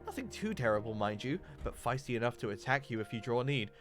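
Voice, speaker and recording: A man's voice: mid-range voice, big pitch swings, fast talker, faint music behind, natural voice. A man voicing a chatty, folksy little woman who runs a guild and gives directions with old-fashioned slang. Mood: folksy friendly.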